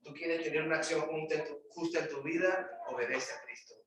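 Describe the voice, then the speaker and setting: A man preaching a sermon in a church hall, emphatic, firing rhetorical questions and swinging between loud and hushed. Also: fairly high pitch, fairly even intonation, brisk, distant mic, noisy background. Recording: very echoey room, voice off-mic.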